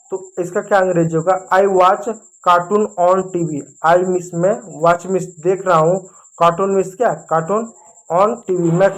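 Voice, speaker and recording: A man teaching a spoken vocabulary lesson, explaining sentences word by word and slowing right down for each English example sentence. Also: high-pitched, poor audio. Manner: addresses viewers as children and friends.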